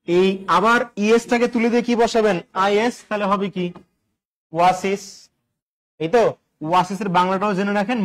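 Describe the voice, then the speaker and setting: High-voiced man teaching grammar. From Bangladesh. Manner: quizzes listeners with repeated questions and jokes. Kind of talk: online exam-prep English grammar lesson.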